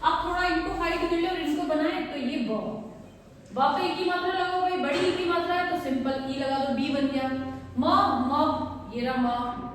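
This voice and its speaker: Lady teacher, high voice, patient, sounding out letters, far off in a big echoey room. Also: a little hiss or hum. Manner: patient, calls viewers beta, spells sounds slowly. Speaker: English teacher. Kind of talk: phonics lesson at a board.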